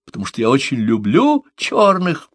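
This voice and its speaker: A man's voice: medium pitch, wildly swooping pitch, moderate pace, fairly bright tone, no room sound, studio quality, voice pushed up. A man voicing a fretful, rambling old man with a quavering, plaintive voice in an audiobook. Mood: wheedling.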